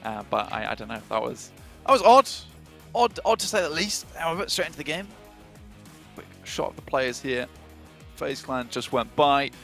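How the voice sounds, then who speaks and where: A man's voice: medium pitch, lively intonation, moderate pace, gravelly, a bit bright, soft background music. A man casting an esports match, running through standings and points. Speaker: caster. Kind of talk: esports commentary.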